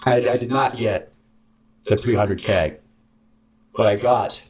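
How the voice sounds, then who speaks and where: Speaking slowly in a fairly low, steady voice, a man who was once a contestant recounts a bitter experience as an interview guest. His candid storytelling rambles and drips with sarcasm. The mic is distant in a roomy space, and the highs are cut off.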